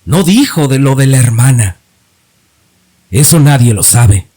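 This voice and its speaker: A man's voice: medium pitch, animated, a little slow, dark tone, slightly rough. A man voicing a blunt, fearful young hunter's apprentice who gives ominous warnings.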